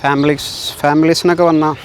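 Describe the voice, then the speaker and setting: A man's voice: on the high side, level tone, fairly quick. A Malayali man giving casual vlog commentary outdoors, slipping English words into his Malayalam as he talks. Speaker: vlog host. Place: outdoors in a zoo park. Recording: clear outdoor ambient noise, birds.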